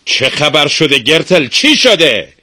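A man voicing a fussy, flustered middle-aged master who asks raised, drawn-out astonished questions. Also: high-pitched, fairly bright tone, dry recording, clean studio sound, voice pushed up.

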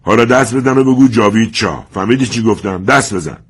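A man voicing a brutal, mocking male secret-police agent who shouts sneering threats. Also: extremely low pitch, expressive, husky, heavily acted. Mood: sneering, shouting.

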